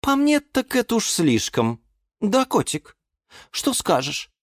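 A man's voice: sits high, wildly swooping pitch, slow pace, no room sound, clean studio sound, pitched above the performer's own voice, heavily acted. A man reading a children's audiobook voices a chatty mother who exclaims in naive amazement. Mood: amazed chatty. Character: chatty surprised mother, a woman.

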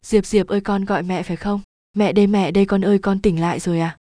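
A woman's voice: mid-range voice, fairly even intonation, fairly quick, darkish tone, no room sound, studio quality, close to an everyday voice. A woman reading a ghost story aloud, voicing a distraught older village mother who sobs and pleads. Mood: anxious. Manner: sobbing and pleading.

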